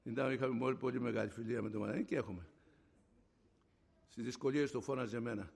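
A middle-aged man preaching a sermon and giving a personal testimony, swinging between loud outbursts and hushed low passages. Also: vocal fry, slightly rough.

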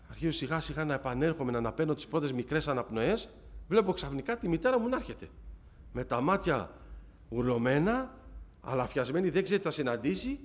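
A man giving a personal religious testimony to a congregation, telling it dramatically, rising loud then dropping to a hush. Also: on the high side. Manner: dramatic storytelling, swings between raised and hushed voice.

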